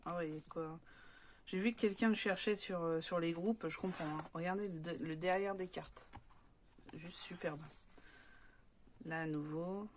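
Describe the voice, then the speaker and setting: A woman's voice: fairly low pitch, normal speed, long pauses, slight background noise. A woman from France chatting casually as she shows off craft papers, with many hesitant fillers. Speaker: scrapbooking vlogger.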